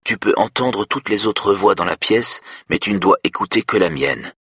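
A man with a husky voice, playing a calm, self-assured hypnotist who speaks low and soothingly. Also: moderate pace, dry recording, clean studio sound, exaggerated voice.

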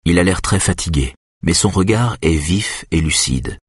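A man narrating an audiobook in a calm, low-key reading style. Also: moderate pace, breathy edge, no room sound, studio quality. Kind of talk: scripted narration.

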